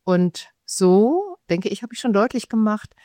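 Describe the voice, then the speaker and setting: A woman who runs a church library, answering interview questions in a warm, unhurried way. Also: medium pitch, big pitch swings, no echo, studio quality.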